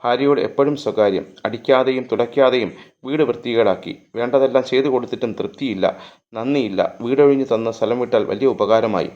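A man voicing a blind young male ascetic who murmurs secretive warnings in a confiding hush. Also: mid-range voice, a little fast, dull audio, close to an everyday voice.

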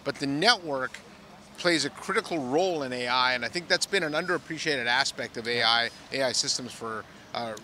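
Brief: middle-aged man, mid-pitched, measured explainer, handheld mic, outdoor plaza. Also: bright, forceful tone, slight background noise. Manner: measured, explanatory, some filler "uh"s. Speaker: industry analyst guest. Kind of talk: on-site analysis chat.

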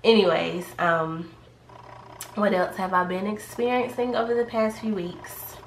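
A woman's voice: medium pitch, steady tone, unhurried. A woman talking casually in a vlog, chatty and rambling with many fillers, sounding a little congested from a cold. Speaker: pregnancy vlogger. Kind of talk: casual vlog talk to camera. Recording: echoey room, faint background noise.

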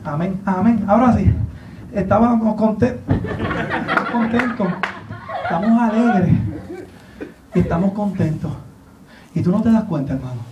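Puerto rican guy preaching in a church, high voice, dull distant echoey sound. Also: unhurried, long pauses, noisy background. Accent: Puerto Rican Spanish. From Puerto Rico. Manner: animated storytelling, acting out scenes with humor. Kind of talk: sermon. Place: large church hall.

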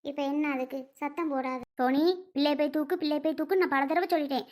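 A woman playing an angry, bossy housewife who scolds the household in sharp commands. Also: sits high, fairly even intonation, fast talker, natural voice. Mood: irritated.

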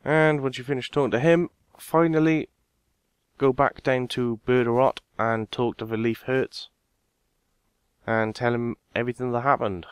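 A man with a smooth, resonant voice, recorded dry and close with no room sound. He walks viewers through a game quest step by step in a relaxed, casual voice-over. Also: medium pitch, normal speed, no room sound. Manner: relaxed step-by-step instructions, talking straight to viewers. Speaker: game guide narrator.

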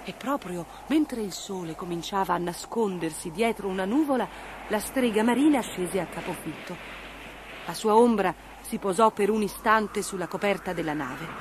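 A woman narrating a children's fairy tale in an expressive, varied scripted reading. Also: medium pitch, normal speed, background noise. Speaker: storyteller.

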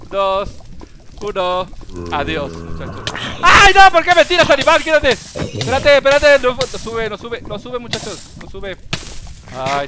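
Excitable high-voiced Mexican gamer. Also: male voice. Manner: excitable, loud outbursts and laughs. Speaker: streamer. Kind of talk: live gaming stream commentary. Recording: music playing behind the voice. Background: game music.

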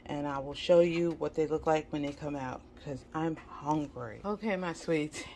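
A woman's voice: sits low, normal speed, dark tone. A woman vlogger casually narrating her home cooking in a kitchen, talking to her viewers. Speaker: vlog host. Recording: faint kitchen room noise. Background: faint kitchen background noise.

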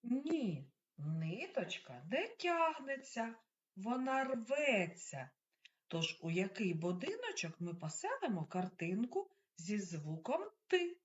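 A woman's voice: on the high side, sing-song, takes it slowly. A woman preschool teacher leading a speech lesson for small children, speaking with careful, exaggerated articulation and coaxing praise. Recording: dull lo-fi recording.

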